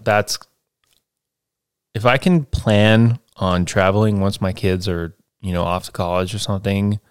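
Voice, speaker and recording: A man in his twenties hosts a casual solo podcast, rambling loosely about his life plans with plenty of fillers and tag questions. His fairly low voice is clear and resonant, recorded with studio quality and no room sound.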